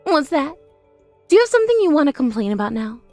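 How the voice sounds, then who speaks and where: Woman acting a high-pitched, vain, spiteful older sister. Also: very animated, quick pace, darkish tone, no room sound, soft background music. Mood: boastful. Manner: haughty, taunting, self-praising. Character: vain, spiteful older sister in her thirties, boastful and mocking. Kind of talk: scripted audio story dialogue.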